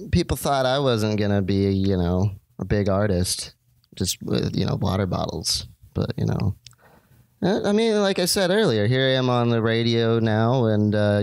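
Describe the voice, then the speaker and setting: A man's voice: medium pitch, clear, resonant tone, no echo. A man playing a bumbling amateur bottle artist in a radio comedy sketch, hesitant and rambling with many fillers. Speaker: interview guest.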